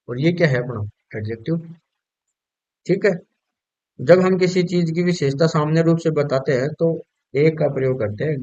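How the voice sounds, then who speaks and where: A man's voice: a little high, darkish tone, no echo, dull audio. A male teacher giving an exam-prep grammar lesson, explaining step by step and putting questions to students that he then answers himself. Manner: reads quiz sentences slowly and drawn out.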